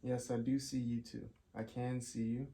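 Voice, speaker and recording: Male, paranormal session host, medium pitch, earnest short questions, gentle, roomy sound. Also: flat delivery, normal speed, background noise. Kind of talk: spirit box session, questioning aloud. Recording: echoey room with music behind.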